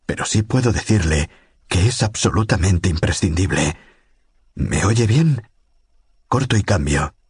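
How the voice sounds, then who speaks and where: A man's voice: fairly low pitch, husky, dry recording, studio quality, voice pushed up, exaggerated voice. Man doing a weary, irritable official. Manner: terse, impatient.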